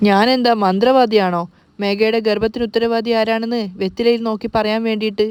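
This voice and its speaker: A woman's voice: on the high side, fairly even intonation, brisk, darkish tone, clean tone, no echo, close to an everyday voice. Woman voicing a fretful, sarcastic uncle in a story recap. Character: worried middle-aged man, the uncle.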